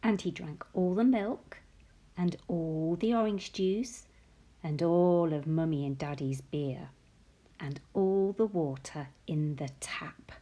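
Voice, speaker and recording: A woman with a lowish voice reads a picture book aloud to young children at a slow pace. She's expressive and often puts questions directly to her listeners.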